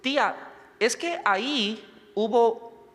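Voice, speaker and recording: A man's voice: extremely high pitch, expressive, slow pace, fairly bright tone, voice pushed up, heavily acted. A man voicing a small girl who earnestly tells what she saw, in a story within a sermon. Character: small girl telling a strange vision. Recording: long hall reverb.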